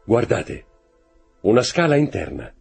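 A man's voice: lowish voice, sing-song, measured pace, gravelly, darkish tone, husky, voice pushed up, full character voice. A man voicing a cold, imperious nobleman who gives orders, read over faint music. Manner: imperious, commanding.

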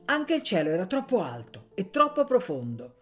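A woman reading a classic novel aloud for radio in a measured, expressive way. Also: medium pitch, slightly rough, faint music behind. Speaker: audiobook reader.

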